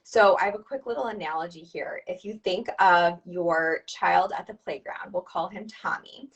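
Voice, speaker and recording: A woman's voice: fairly low pitch, moderate pace, far from the mic, poor audio. A woman who is a dietitian and nutrition coach, giving chatty, upbeat coaching advice on a video call. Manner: upbeat, chatty, asks listeners to respond. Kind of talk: conversational explainer, coaching advice.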